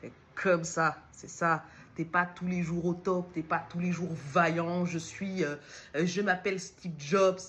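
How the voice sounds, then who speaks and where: A woman's voice: on the low side, little pitch movement, unhurried, a bit bright, slight background noise. A woman from Lyon talking casually to camera as a vlogger and new entrepreneur, rambling and self-mocking as she jumps between topics. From Lyon, France. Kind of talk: casual direct-to-camera talk.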